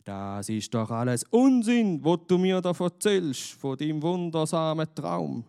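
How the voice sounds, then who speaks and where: Man playing a shouting master shepherd, raised and strained. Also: fairly high pitch, lively intonation, unhurried, creaky, clean tone, pitched above the performer's own voice. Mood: furious. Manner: scolding and shouting. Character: angry, harsh older master shepherd.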